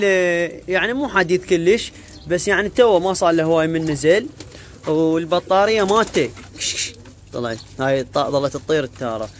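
A man with an Iraqi Arabic accent chatting informally into a phone as a vlogger, rambling and leaning on repeated filler phrases. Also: fairly high pitch. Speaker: YouTuber, pigeon keeper. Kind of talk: casual chatty phone vlog. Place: outdoor pigeon yard with cages. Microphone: handheld phone. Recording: phone recording outdoors with birds cooing. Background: pigeons cooing, faint noise.

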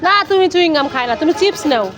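A woman's voice: extremely high pitch, animated, racing. A woman talking casually to children while filming on a phone outdoors, coaxing and scolding them and repeating her words. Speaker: vlogger minding children. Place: busy street outdoors. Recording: loud street traffic noise.

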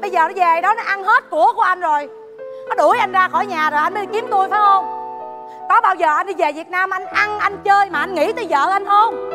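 A woman's voice: very high voice, quick pace. A woman playing a wronged, estranged wife who reproaches her husband in a stage comedy sketch. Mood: reproachful. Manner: reproachful, accusing. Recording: stage with music underneath.

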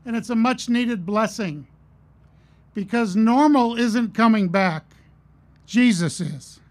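Middle-aged guy giving a graduation speech, higher-pitched voice, earnest and storytelling, podium mic. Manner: earnest, storytelling, measured pauses. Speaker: commencement speaker. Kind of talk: commencement address. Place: outdoor stage at a podium. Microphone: podium mic on a stand.

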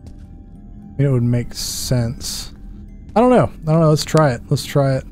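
Soft music backs this man's mid-range, slightly mellow voice, which has lively intonation and a somewhat slow pace. Wearing a headset, the thirtysomething streamer gives casual commentary on a puzzle game, muttering to himself in a puzzled, self-deprecating way.

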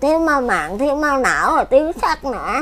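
Brisk and sing-song, her high-pitched voice has a slightly bright quality. She's an elderly widow with a Southern Vietnamese accent, being interviewed in a casual chat and rambling repetitively through complaints about her life.

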